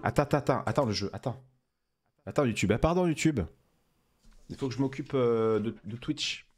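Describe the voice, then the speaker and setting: A man's voice: mid-range voice, normal speed, soft background music. A man streaming a video game, joking and exclaiming as he plays. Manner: playful, jokey, exclamatory. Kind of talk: let's play commentary.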